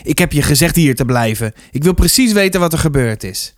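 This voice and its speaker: A man's voice: on the high side, expressive, fairly quick, no echo, studio quality, lightly acted. A man reading a storybook, voicing a tall, thin, stern headmaster who gives clipped orders.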